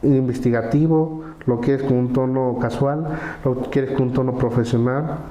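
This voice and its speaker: A man presenting a conversational webinar, explaining step by step and running through lists of examples, often ending with a quick tag question. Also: mid-range voice, fairly even intonation, dark tone, reverberant, highs cut off, a little hiss or hum.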